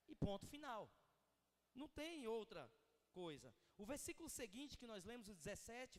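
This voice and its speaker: A man with a Northeastern Brazilian Portuguese accent, preaching a sermon in a large church hall and acting out the quoted dialogue as he goes. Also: extremely high pitch. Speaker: pastor. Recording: long church-hall reverb.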